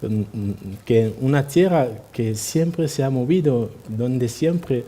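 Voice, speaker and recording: This man addresses a party gathering in an assembly hall, his dark, mid-range voice moving slowly. His public speech is anecdotal and halting, full of restarts and tag questions.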